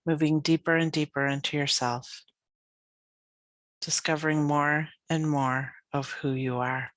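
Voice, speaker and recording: A woman leading a guided yoga nidra meditation as a teacher, speaking gently and soothingly with unhurried phrases and long pauses. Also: low-pitched, fairly even intonation, dry recording, studio quality.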